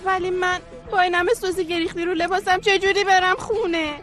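A woman's voice: extremely high pitch, level tone, fairly bright tone, soft background music. A woman dubbing an angry customer complaining that her dress is ruined. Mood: indignant. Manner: complaining, whiny. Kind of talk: dubbed drama acting.

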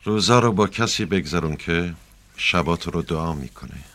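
A man voicing a deep, distant male voice that calmly gives advice in a dubbed film.

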